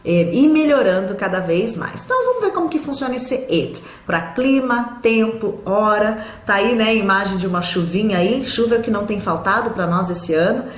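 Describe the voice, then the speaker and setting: A woman's voice: mid-range voice, animated, normal speed, few pauses, reverberant. A Brazilian woman with an interior São Paulo accent, teaching a live online English lesson in a patient, explanatory way and checking in often with her viewers. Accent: São Paulo interior Brazilian Portuguese.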